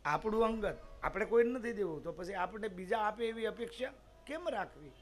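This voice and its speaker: High-voiced preacher telling a story. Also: male voice, expressive, brisk, faint music behind. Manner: emphatic, rhetorical questions to listeners. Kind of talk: devotional scripture storytelling sermon.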